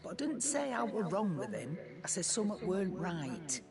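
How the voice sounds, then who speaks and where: A woman's voice: on the low side, sing-song, moderate pace. Sarcastic old woman. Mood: tart. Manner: sarcastic, dry. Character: sharp-tongued older woman, a dog's keeper. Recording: game audio over music.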